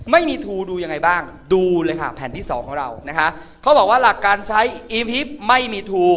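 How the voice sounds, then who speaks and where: High-voiced, campy male tutor. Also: fairly bright tone. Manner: flamboyant and campy, teasing students; drills vocabulary in sing-song chants. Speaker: English tutor. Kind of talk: comedic classroom grammar lesson.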